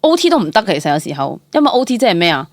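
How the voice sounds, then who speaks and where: A young adult woman with a Hong Kong Cantonese accent is an interview guest, telling candid stories in a very fast, animated, chatty way and mixing English words into her speech. Her voice is mid-range, and the studio-quality recording has no echo.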